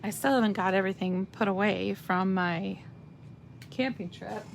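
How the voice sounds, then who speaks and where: Speaking in a steady, mid-range voice with a hint of rasp, a woman leads a live crafting demonstration at an unhurried, talkative pace. She muses aloud while stamping and coloring, and a faint hiss or hum sits under the recording.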